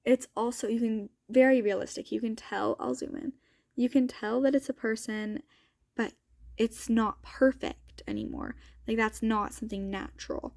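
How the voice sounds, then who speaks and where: A young adult woman with a sniffly cold presents her student vlog, chatting informally and thinking aloud in a casual walkthrough. Her voice is a little high, gravelly and darkish in tone. The recording is dry and of studio quality.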